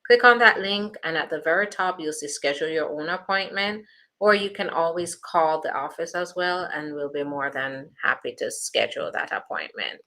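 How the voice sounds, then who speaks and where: An animated woman with a low, pushed and bright voice and a Jamaican accent talks at a moderate pace. As an immigration attorney hosting a live Q&A, she reads viewer questions and responds reassuringly, filling her speech with fillers.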